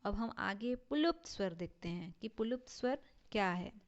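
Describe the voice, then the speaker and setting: A woman teacher, slowly explaining a lesson and drawing out her example words. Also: medium pitch, animated. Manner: slow, deliberate, stretches out example words. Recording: dull lo-fi recording.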